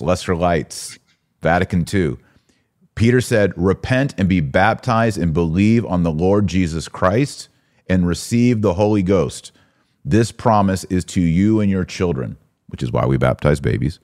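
A low-pitched, slightly mellow male voice with lively intonation and an unhurried pace belongs to the host of this religious podcast. He preaches emphatically, urging listeners on and asking rhetorical questions.

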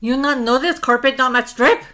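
A woman voicing a brisk female French brothel madam in broken English with a put-on French accent, during a tabletop role-play. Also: high voice, animated, sharp tone. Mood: matter-of-fact.

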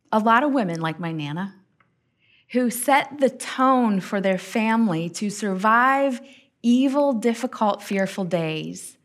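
A middle-aged woman hosting a devotional podcast, telling a personal family story in an earnest, intimate way that often drops to quiet tones. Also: medium pitch. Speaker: podcast host and Bible teacher.

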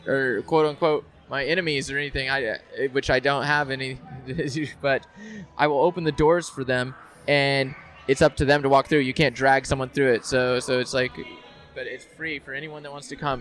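A bright, rambling man at a live podcast. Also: medium pitch. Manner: rambling, earnest, lots of fillers and restarts. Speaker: guest. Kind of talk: casual chat. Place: live event venue.

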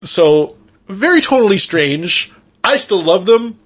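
Man, higher-than-average pitch, husky edge, casual rambling podcast co-host. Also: very animated, slow pace, fairly bright tone, rough recording. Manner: rambling, conversational, often saying "like". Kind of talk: casual chat.

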